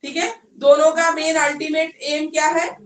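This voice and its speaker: A woman's voice: sits high, flat delivery, normal speed. A young woman teaching a class, firm and scolding as she warns her students. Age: young adult. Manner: strict, scolding, addresses students as beta. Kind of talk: classroom lecture. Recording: echoey classroom from far off.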